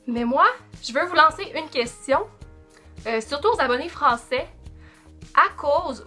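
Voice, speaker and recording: A woman's voice: fairly high pitch, sharp tone. A woman from Lac-Saint-Jean with a Lac-Saint-Jean Quebec French accent, asking questions as she chats to camera. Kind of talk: casual vlog talk to camera.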